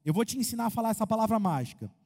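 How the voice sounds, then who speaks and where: A Brazilian man preaching as a pastor, animated, asking the crowd questions and acting out quotes. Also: high voice, very fast. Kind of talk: lively sermon with humor. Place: church hall. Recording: long hall reverb.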